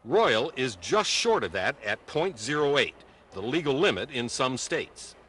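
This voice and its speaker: A man narrating a news feature in a scripted style, with a wry, lively delivery. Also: mid-range voice, measured pace, slightly rough.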